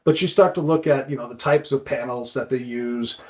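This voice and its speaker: A man with a medium-pitched, slightly mellow voice talks a little fast as a guest in a casual interview. A climbing wall builder and consultant, he speaks as a trade expert, explaining practical details and often repeating words.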